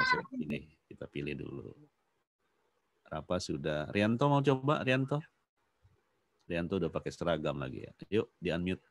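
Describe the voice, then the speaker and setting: A male English teacher leading an online class on a video call, patiently repeating model phrases with exaggerated rising intonation. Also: low-pitched. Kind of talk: online class lesson, mixing Indonesian and English.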